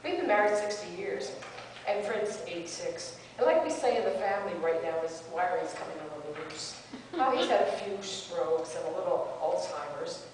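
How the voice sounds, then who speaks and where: A woman's voice: lowish voice, lively intonation, normal speed, lightly acted. A woman playing an elderly wife married sixty years, telling her story fondly and with a wry touch. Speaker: stage actor in a monologue. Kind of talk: theatrical monologue. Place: stage in a hall. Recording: echoey hall, far from mic, faint noise.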